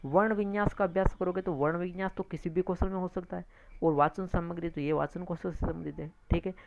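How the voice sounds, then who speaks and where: Gravelly exam-prep teacher, lo-fi sound. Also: mid-range voice, fairly even intonation, quick pace. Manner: repetitive, addresses listeners as friends, frequent tag questions. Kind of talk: exam-prep lecture, explaining answers. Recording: dull lo-fi recording.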